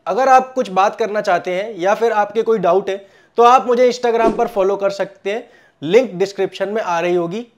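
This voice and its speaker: A high-voiced man signing off an educational video, asking viewers to comment, like and subscribe. The recording sounds dull and lo-fi. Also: moderate pace. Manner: friendly sign-off, asks to like and subscribe. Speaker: channel host. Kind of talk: video outro.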